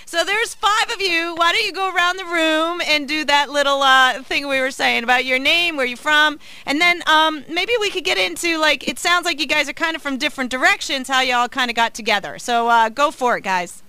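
A woman's voice: sits high, fairly quick, hardly any pauses, pushed and bright, no room sound. A woman hosting a casual radio interview, chatty and upbeat, with plenty of filler words. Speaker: radio host. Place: radio studio.

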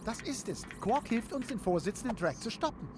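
A tiny video game robot companion, courteous and trusting. The wording is precise and formal, with lively, earnest intonation over clearly audible game ambience. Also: male voice, sits high, brisk, noisy background. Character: small, polite, trusting male robot sidekick. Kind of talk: German video game dub acting.

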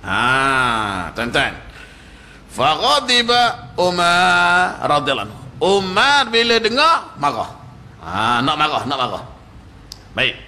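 A Malaysian Malay man teaching in a prayer hall, his high, very bright voice swinging widely as he acts out the story's quoted lines. Faint noise sits under the recording. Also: big pitch swings, takes it slowly. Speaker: religious teacher. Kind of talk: mosque lecture.

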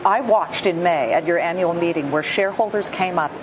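A woman interviewing a guest with brisk, pointed follow-up questions. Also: on the low side, muffled recording, background noise. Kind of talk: news interview.

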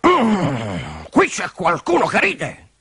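A man voicing an excitable, grumpy middle-aged butcher in a storybook reading, quick to anger and shouting insults. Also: very high voice, breathy edge, no echo, pitched above the performer's own voice, heavily acted. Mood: furious. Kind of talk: storybook character voice.

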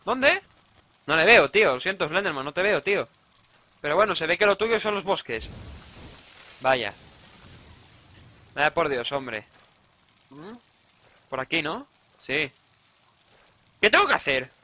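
A man's voice: a little high, animated, unhurried, long pauses, pushed and bright, no echo. A young man from Spain with a Spanish accent, commentating a horror game he plays, swearing a lot and jumping between jokes and startled outbursts. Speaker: gaming YouTuber.

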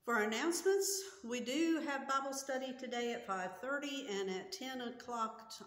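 An older woman pastor in her sixties delivers a sermon in a slow, measured way. Her voice rings through a small church sanctuary with a long, hall-like reverb, picked up by a camera set just in front of her. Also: mid-range voice. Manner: slow, earnest and measured, with gestures. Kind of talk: sermon and prayer. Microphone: camera in front at chest height.

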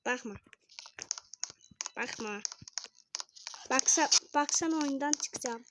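A high-pitched woman talks through a game in an animated, playful way, jumping from loud outbursts to murmured counting. Soft keyboard taps sit faintly behind her. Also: takes it slowly, background noise. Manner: animated, playful, bursts of shouting and quiet counting. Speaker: gaming video host. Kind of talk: excitable casual gameplay commentary.

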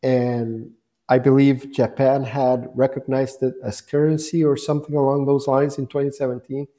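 A man in his forties from Guatemala answers interview questions over a video call. His voice is dark and mellow, picked up by an earphone mic. He tells his story in a relaxed, rambling way with plenty of fillers. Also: mid-range voice, moderate pace. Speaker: founder and CEO, guest. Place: bright office room, indoors.

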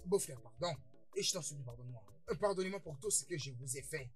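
An actor dubbing a boastful, excitable older brother in a French-dubbed film, who stammers and repeats words. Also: male voice, a little high, quick pace, soft background music, close to an everyday voice. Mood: apologetic. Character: boastful excitable older brother, newly rich, quick-tempered. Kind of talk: French dub of a Nigerian film.

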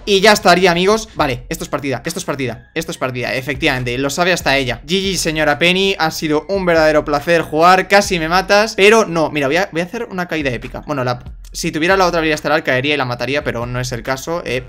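A man with a Spain Spanish accent commentating his own gameplay in a fairly high voice, talking at a rapid clip. He gets excitable, fires off words in repeated bursts and yells or pleads when the match turns tense. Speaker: gaming YouTuber.

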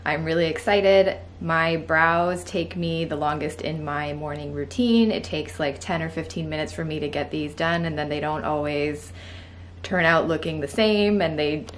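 A woman's voice: low-pitched, normal speed, slight background noise. A young woman talking to camera in a casual, upbeat beauty vlog. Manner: chatty and upbeat. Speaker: beauty vlogger.

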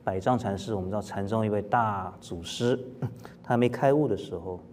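A man teaching Buddhist scripture in a calm, plain-spoken lecture, asking his listeners rhetorical questions and now and then clearing his throat. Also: fairly low pitch, a little fast, slight background noise. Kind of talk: dharma lecture.

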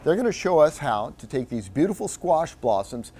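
A man's voice: fairly high pitch, very animated, normal speed, dark tone, breathy edge. A middle-aged man hosting a TV cooking segment in a restaurant kitchen, chatty and joking. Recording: background music under the talk.

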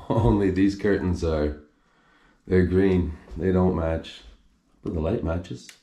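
An urban explorer wanders through a deserted house, narrating casually and musing appreciatively into his handheld camera. His voice sits low and warm, steady in tone and slow in pace.

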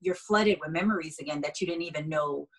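A young woman from Haiti who works as a stage actor chats as a guest in a casual video-call interview from her bedroom. Her voice is low, brisk and a bit bright, and she uses frequent fillers and laughs.

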